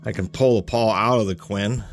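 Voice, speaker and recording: Low-voiced man explaining tools. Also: steady tone, moderate pace. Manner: explanatory, rambling with restarts. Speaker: tool reviewer. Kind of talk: casual product review. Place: workshop bench, hands on tools.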